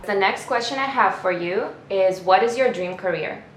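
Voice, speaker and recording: A woman's voice: mid-range voice, moderate pace, slight background noise. A young woman interviewing fellow students, asking brief, friendly questions. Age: young adult. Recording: roomy, with soft music.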